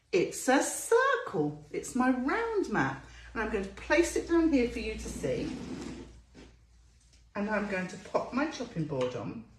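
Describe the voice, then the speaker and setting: In an echoey room with slight background noise, a medium-pitched woman gives a show-and-tell lesson to small children. The storytime presenter and teacher talks to them directly, sing-song, stretching key words.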